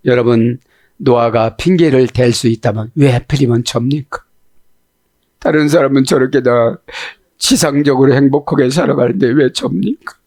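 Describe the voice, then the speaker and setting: Pastor preaching, calling out to listeners. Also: male voice, mid-range voice, a little mellow, dry recording, studio quality. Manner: often calls out to listeners with tag questions; slows down to spell out word grammar. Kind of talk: sermon explaining Hebrew scripture words.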